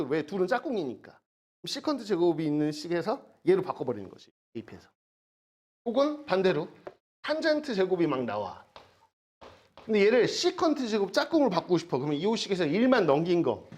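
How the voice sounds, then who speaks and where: An animated math teacher whose pitch swings widely while walking through formulas in a recorded lecture. The delivery is chatty and repetitive, with frequent checks like a quick "got it?" and playful side stories. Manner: chatty, repeats key words, jokey asides; asks learners to check understanding.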